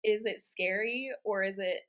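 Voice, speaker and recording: A woman's voice: mid-range voice, unhurried, a bit bright. A woman co-hosting a casual chat and reading scary stories aloud, with a giggly, conversational manner full of "like". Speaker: podcast co-host.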